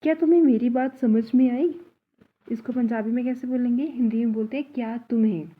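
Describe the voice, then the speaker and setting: A woman giving a casual language lesson, saying example sentences slowly and deliberately before explaining them. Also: on the high side, steady tone, narrow, tinny audio. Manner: slow, deliberate when modeling example sentences. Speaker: language teacher.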